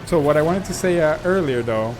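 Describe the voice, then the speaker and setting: A man's voice: a little high, lively intonation, brisk. A man from Puerto Rico, a streamer chatting over gameplay, rambling and losing his train of thought. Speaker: let's-play streamer. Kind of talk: casual chat over gameplay. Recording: game music behind the voice. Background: game music.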